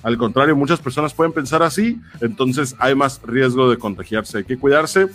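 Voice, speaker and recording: A man's voice: mid-range voice, normal speed, fairly bright tone, faint music behind. A man with a Mexican accent hosting a podcast in casual, slangy conversation. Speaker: podcast host. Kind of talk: casual chat.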